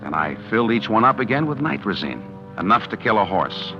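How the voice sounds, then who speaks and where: Music plays beneath a dull-sounding 1940s radio recording as a low-voiced actor delivers brisk, very animated first-person narration. His character is a calculating man confiding his scheme to poison his wife, hard-boiled yet stammering nervously, and brooding throughout.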